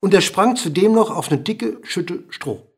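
A man reading a literary tale aloud at an unhurried pace. His voice sits slightly high for a man and moves a great deal in pitch. The delivery is measured and expressive. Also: slightly rough. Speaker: reader.

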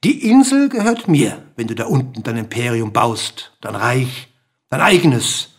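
A man voicing a small grey bird in a storybook reading, with a hoarse, hissing, bossy manner. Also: mid-range voice, unhurried, fairly bright tone, heavily acted. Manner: insistent, lecturing, bossy.

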